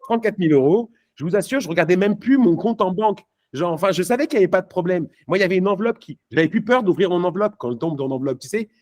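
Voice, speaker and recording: A man's voice: high voice, expressive, rapid-fire, hardly any pauses, a little mellow. Punchy man giving a motivational talk. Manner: punchy, emphatic, addresses the crowd directly; many fillers and restarts, casual slang. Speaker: motivational speaker at a network marketing event. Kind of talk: live motivational talk to an audience.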